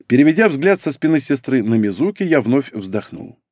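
A man narrating a first-person novel in an expressive, wry manner. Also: medium pitch, normal speed, no room sound, studio quality. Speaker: audiobook narrator.

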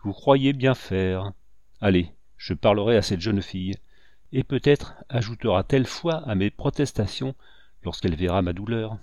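Brief: male reader voicing a low-voiced, stern commander, anguished but restrained, dry booth sound. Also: normal speed, darkish tone, no echo, natural voice. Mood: gentle, sorrowful.

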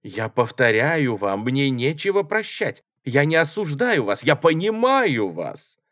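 A man's voice: medium pitch, sing-song, unhurried, fairly bright tone, no room sound, clean studio sound. A man reading an audiobook, voicing a cool, dismissive male student who talks in a firm, lecturing way. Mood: reassuring.

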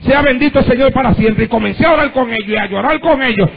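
A man preaching a sermon as a pastor, fervent and full of praise interjections, rising at times to impassioned shouting. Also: extremely high pitch, fast, creaky, breathy edge, dull audio.

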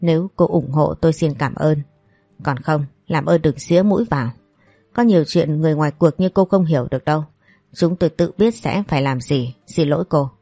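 A woman voicing a calm, dignified young woman who answers firmly. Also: sits low, fairly quick, dry recording, faint music behind. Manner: composed, firm.

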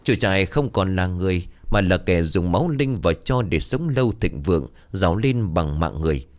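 A man playing an exorcist near sixty, solemn and knowing, explaining dark rites. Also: sits low, lively intonation, normal speed. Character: old male exorcist, grave and knowing.

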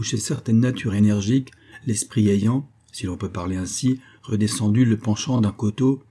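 A man giving a measured, even reading of a classic novel as narrator. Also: lowish voice, slightly rough. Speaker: audiobook reader.

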